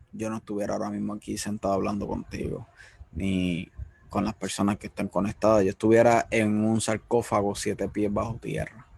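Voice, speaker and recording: A man hosting an interview, speaking in a confessional, emotional way about his faith with drawn-out pauses. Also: on the low side, creaky, a little mellow, no echo. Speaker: interviewer, host. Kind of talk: personal faith conversation.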